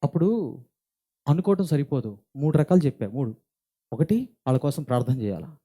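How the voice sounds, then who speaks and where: A middle-aged man delivers a church sermon, speaking slowly and deliberately and building in intensity. His voice sits a little high for a man. Its tone is very dark and mellow. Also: expressive. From India. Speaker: pastor. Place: church hall.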